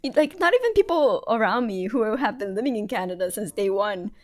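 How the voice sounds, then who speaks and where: Giggly woman with a lively voice. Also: mid-range voice, brisk. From United States. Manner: giggly, chatty, trails off and restarts. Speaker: streamer. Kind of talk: casual livestream chat while drawing.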